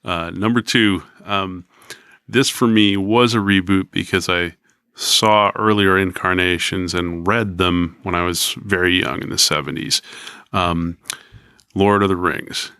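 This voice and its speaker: A man in his fifties with a very low, bright, crisp voice talks in a loose, rambling way, pausing with lots of ums. The sound is dry and close, like a studio mic. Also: steady tone, no room sound. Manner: rambling, hesitant with many ums. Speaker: podcast co-host. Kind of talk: casual podcast chat.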